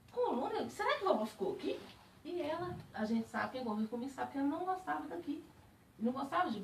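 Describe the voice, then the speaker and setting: Animated woman telling a spiritual story. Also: high voice, a little hiss or hum. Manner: animated storytelling, laughing while recalling. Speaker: spiritist speaker. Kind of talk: personal testimony to a group. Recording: echoey room, distant mic.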